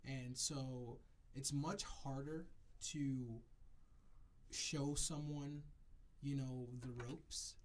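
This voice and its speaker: Extremely slow speech in a mid-range, steady voice comes from a Jamaican DJ who grew up in America after moving there young. There's a slight hiss or hum as he reflects casually in an interview, repeating points for stress.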